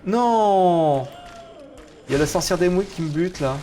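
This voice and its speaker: A French man casually commenting on a video game he is streaming, chatty and excitable. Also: fairly high pitch, racing, noisy background. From France. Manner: chatty, excitable, swears at setbacks.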